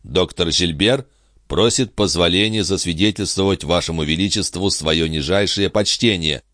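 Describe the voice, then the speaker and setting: A man voicing a formal, deferential court valet in an audiobook, slightly raised in pitch. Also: normal speed, fairly bright tone, no echo, studio quality.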